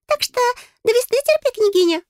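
A woman doing Gustav, a squeaky tiny male fairy. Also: lively intonation, brisk, a little mellow, no echo, studio quality. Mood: bossy. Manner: pompous, bossy, indignant. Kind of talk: audiobook character voice.

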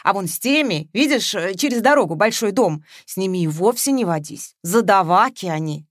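A woman's voice: medium pitch, expressive, moderate pace, no room sound, lightly acted. A spry old man next door chats in a folksy, gossipy way, voiced by a woman reading the story. He sounds friendly and talkative. The sound is close and dry. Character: chatty old male neighbor, spry.

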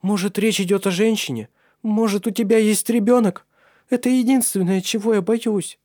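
A man's voice: high-pitched, animated, normal speed, darkish tone, no room sound, clean studio sound, voice pushed up. A man voicing an anxious, tender young woman in love, with trembling pleas, in an audiobook. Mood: pleading.

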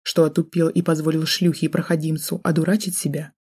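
A woman's voice: sits low, flat delivery, fast, a little mellow, breathy edge. A woman doing a sneering, menacing drunk man. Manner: sneering, threatening, mocking.

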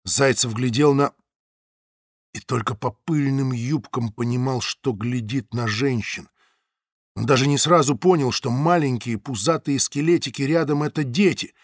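A man's voice: mid-range voice, no room sound. Male narrator for a tense audiobook, dramatic delivery, dry and close. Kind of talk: scripted narration.

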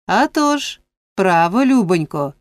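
A woman voicing a pompous, domineering middle-aged male parish beadle in an audiobook, blustering and self-important with drawn-out emphasis. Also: medium pitch, sing-song, no room sound. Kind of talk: audiobook character reading.

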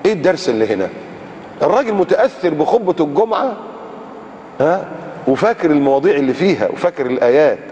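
Male preacher with an Egyptian Arabic accent, fairly high voice, dramatic and questioning, long hall reverb. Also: very animated, fast, pauses often, lo-fi sound. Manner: dramatic, with rhetorical questions and big swings from loud highs to low murmurs. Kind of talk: sermon. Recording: long hall reverb, faint background noise.

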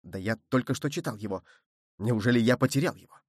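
A man voicing a shrewd, quick-witted musketeer who speaks in a brisk, commanding way. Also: mid-range voice, husky, no room sound, clean studio sound, close to an everyday voice. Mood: sly.

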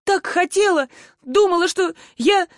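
A woman's voice: lively intonation, normal speed, no room sound, studio quality. Kira, a woman playing an indignant young woman. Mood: indignant shouting. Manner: indignant, tearful, shrill when upset. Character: young woman student, hurt and defiant.

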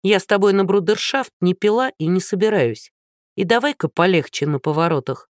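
A woman's voice: medium pitch, animated, fairly quick, no echo, studio quality, natural voice. A narrator voicing a haughty, short-tempered actress in her thirties who talks down sharply. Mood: indignant. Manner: sharp, condescending.

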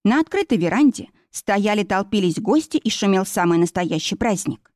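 A woman narrating a novel in an even, expressive reading. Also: medium pitch, normal speed, no echo, studio quality. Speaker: audiobook narrator. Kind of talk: scripted narration.

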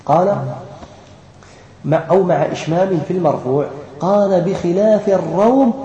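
A man from Algeria teaching Quran recitation rules to a class. He explains slowly, chants the example words and quizzes his students. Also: sits high, warm tone, roomy sound, dull audio.

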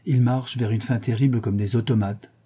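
A man in scripted audiobook narration, reading a classic novel in a measured way. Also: medium pitch, fairly even intonation, warm tone, husky.

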